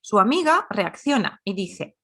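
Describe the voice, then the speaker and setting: A woman's voice: medium pitch, very animated, a little slow, creaky, bright, forceful tone. A woman teaching a grammar lesson, explaining patiently and repeating example sentences. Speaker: Spanish teacher.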